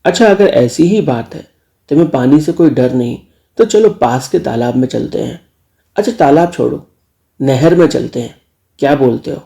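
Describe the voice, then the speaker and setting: Male narrator as a bossy teasing uncle, low and dark in tone. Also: lively intonation, moderate pace, vocal fry. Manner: teasing, scolding.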